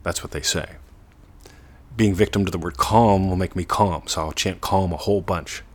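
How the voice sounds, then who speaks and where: Low husky guy doing a slow self-help talk, stretches words out, half whispers a lot. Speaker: teacher. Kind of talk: meditative self-development talk.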